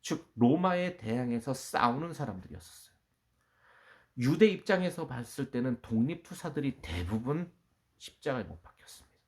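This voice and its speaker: A man preaching a Sunday sermon as pastor, dropping to near whispers and then rising to loud, ringing declarations. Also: medium pitch, lively intonation, normal speed. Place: church.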